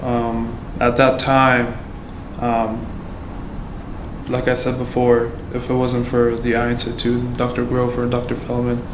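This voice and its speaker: Speaking as a patient, an Afghan man shares his personal story frankly, his medium-pitched voice almost flat throughout. His delivery is halting, full of fillers and restarts, and the recording has room echo plus noticeable noise behind him.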